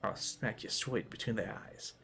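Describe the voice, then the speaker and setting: A man's voice: lowish voice, moderate pace, vocal fry, sharp tone, faint music behind. A man hosting a let's play, giving casual, rambling commentary full of jokes and talking to the game's characters. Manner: jokey, rambling, talks to game characters.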